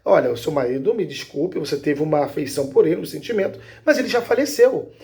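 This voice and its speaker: A patient new husband, acted out by a preacher, gently scolds his wife. The voice is high and gravelly, and the tone is polite but firm. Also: expressive, fast. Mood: reproachful. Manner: gently reproachful.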